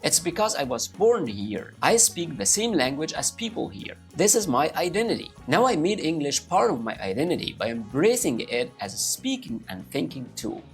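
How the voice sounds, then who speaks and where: An Egyptian man, a native Arabic speaker with an Egyptian Arabic accent, talks to camera and gives his viewers upbeat, motivational tips on learning English. He is animated and addresses them directly. His voice is on the high side, his pace moderate with few pauses, and soft music plays in the background.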